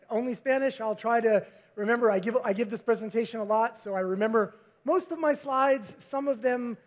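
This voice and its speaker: A man, a visiting researcher, giving a conference presentation with slides, talking quickly with frequent fillers. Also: sits high. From United States. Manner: self-described fast talker, frequent fillers. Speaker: visiting cover crop researcher. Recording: dull lo-fi recording.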